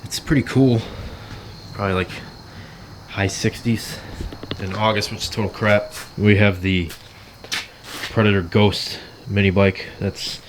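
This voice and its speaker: A man's voice: lowish voice, steady tone, measured pace, pauses often, noisy background. A worn-out, congested man talking offhand about fixing a minibike in his garage, with dry jokes. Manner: tired, offhand, dry joking. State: tired and congested from allergies. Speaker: channel host. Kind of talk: casual garage vlog. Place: home garage.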